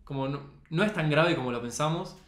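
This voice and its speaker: A young adult man with a Rioplatense Spanish accent, a photographer appearing as a podcast guest, talks earnestly in casual chat full of slang fillers. His voice is on the high side and a bit bright, and he speaks a little fast. The recording studio has a roomy echo.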